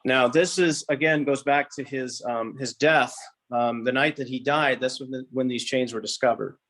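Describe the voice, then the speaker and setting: A man speaks as a tour guide inside a cathedral, in a middle-pitched voice. His delivery is reverent and explanatory, unscripted and halting, with frequent pauses partway through his sentences. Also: fairly even intonation, fairly bright tone. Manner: halting, pausing mid-sentence. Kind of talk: informal guided tour narration.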